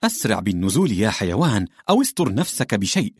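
A man playing a sly older nobleman who murmurs mocking remarks in a low, husky voice. The reading is dry and close, as in an audiobook. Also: sing-song, fast, no echo. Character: amused older male nobleman, drinking companion.

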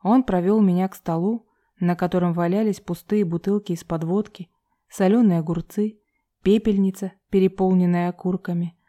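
A woman reading a first-person novel as an audiobook in a calm, even way. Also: lowish voice. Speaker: audiobook narrator.

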